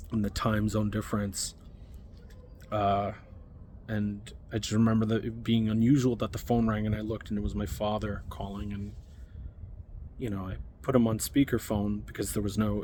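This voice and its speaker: Male, 30s, low pitch, reflective halting storyteller. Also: a little mellow, a little hiss or hum. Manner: reflective, halting, many fillers. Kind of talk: personal storytelling monologue.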